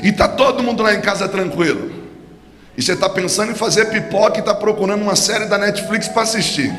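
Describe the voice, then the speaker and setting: A man with a Brazilian Portuguese accent preaching a sermon as pastor, fervent, building to shouts. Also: high-pitched, quick pace. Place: church service. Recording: echoey church hall with music.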